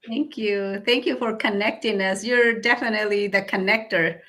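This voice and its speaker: A middle-aged woman from Guatemala whose first language is Mayan, telling her life story earnestly, with frequent um pauses. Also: medium pitch, steady tone, sharp tone. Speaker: guest speaker. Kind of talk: personal storytelling.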